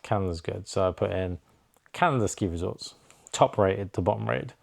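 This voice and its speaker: This young snowboard instructor has a deep voice with vocal fry and talks at a normal speed. He casually tells a story to the camera, chatty and animated, acting out the quoted dialogue.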